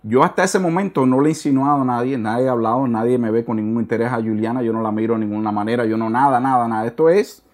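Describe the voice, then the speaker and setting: Quick guy in his 30s rattling off a story, repeats himself a lot, drops english words in. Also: mid-range voice. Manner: animated storytelling with many restarts and repetitions. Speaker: interview guest. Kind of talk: casual testimony interview.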